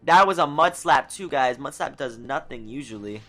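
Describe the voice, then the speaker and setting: A let's player from New York with a New York accent, giving excitable, exasperated running commentary on a video game playthrough. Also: mid-range voice, normal speed, faint music behind.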